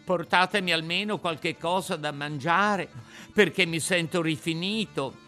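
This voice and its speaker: A man's voice: fairly high pitch, unhurried, soft background music, voice pushed up. Pinocchio, a man doing a pleading puppet boy. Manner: pleading, raised excited voice. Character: impatient boy wooden puppet, cold and pleading.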